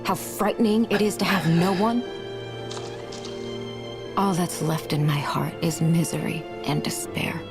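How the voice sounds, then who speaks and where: An actress voicing a bitter young woman warrior consumed by darkness, speaking in a flat, accusing monotone. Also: on the low side, measured pace, pauses often. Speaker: game character. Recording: game cutscene with loud music. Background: loud music.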